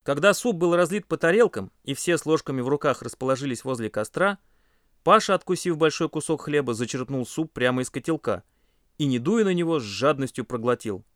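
Male storyteller, animated pitch, dry close recording. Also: fairly quick, dry recording. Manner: expressive narration. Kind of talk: children's story reading.

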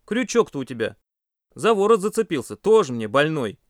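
Male narrator as firm, scolding camp instructor, good-natured, lively storybook voice. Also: a little high, moderate pace, dry recording, clean studio sound, pitched above the performer's own voice. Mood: teasing.

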